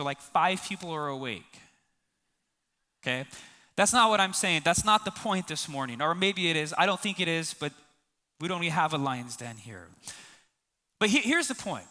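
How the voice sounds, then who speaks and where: A male pastor preaching a sermon, reading scripture with slow emphatic stresses, then explaining it casually with joking asides to the congregation. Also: high-pitched, sharp tone, big-room sound. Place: church sanctuary.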